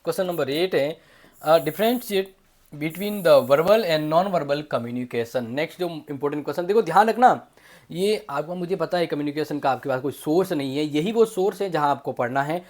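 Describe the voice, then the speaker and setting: A man teaching an exam-prep lesson, reading English answers slowly and explaining them in Hindi, often checking in with "clear?". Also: on the high side, a little mellow.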